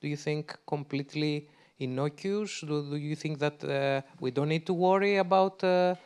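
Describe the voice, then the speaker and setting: A man's voice: on the high side, normal speed, a little mellow, clean tone. A man moderating a panel, asking a question hesitantly. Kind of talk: panel discussion.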